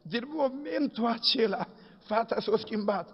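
A man's voice: extremely high pitch, expressive. A man preaching a sermon, telling stories and acting out the dialogue in folksy speech. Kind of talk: sermon with anecdotes. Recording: dull echoey hall recording.

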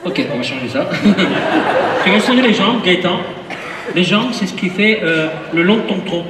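A man doing a live comedy hypnosis show, firing off teasing jokes and slow commanding patter. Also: sits high, expressive, very noisy. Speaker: stage hypnotist. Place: large concert arena on stage. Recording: echoey arena sound from far off. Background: audience murmur and laughter.

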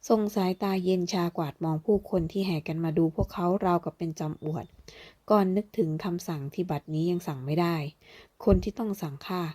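A woman narrating a fantasy novel aloud, slowing down as she voices the characters. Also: fairly low pitch, warm tone, slightly rough. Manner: voices characters with slow, deliberate delivery. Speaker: audiobook narrator. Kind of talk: dramatic novel reading.

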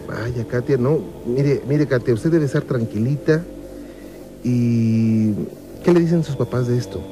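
A man hosting a radio call-in show, soothing a caller and urging calm. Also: mid-range voice, measured pace, background noise. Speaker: radio host.

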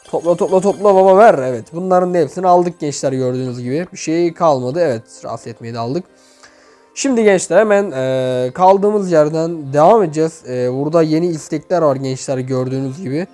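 A young man with a high voice runs through a game-account review in chatty commentary, speaking straight to his viewers. His voice echoes off a half-emptied room, and quiet music plays underneath. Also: brisk. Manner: chatty, addresses viewers directly and often. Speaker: gaming YouTuber reviewing player accounts. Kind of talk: casual commentary over gameplay.

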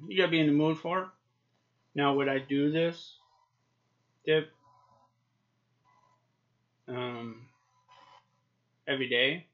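Dull, lo-fi webcam sound captures a man in his forties reviewing a product on YouTube from a small indoor home office. He's casual and chatty with a lip full of dip, his voice medium-pitched and fairly bright.

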